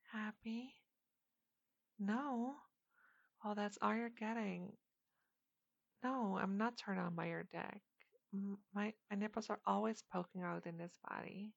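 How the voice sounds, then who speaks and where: Woman doing a seductive superheroine for adult audio roleplay, slow n breathy, bit of creak, teasing half whispers. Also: medium pitch, fairly even intonation, no room sound, dull audio. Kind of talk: intimate erotic audio role-play.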